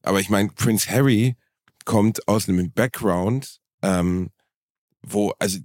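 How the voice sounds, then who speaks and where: A man's voice: lowish voice, slow, a little mellow, dry recording, clean studio sound. A man co-hosting a podcast in casual chat, rambling earnestly with many fillers. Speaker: podcast co-host.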